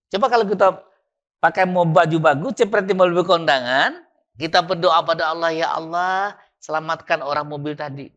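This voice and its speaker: A man's voice: high-pitched, fairly bright tone, highs cut off. A man preaching at a mosque study session, quizzing his listeners and spelling words out letter by letter.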